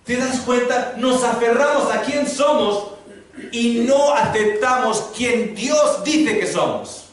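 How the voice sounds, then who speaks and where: Man, preacher, high voice, humorous sermon, very echoey hall, faint noise. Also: takes it slowly, distant mic. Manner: humorous storytelling, lively preaching to a congregation. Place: large hall before a congregation.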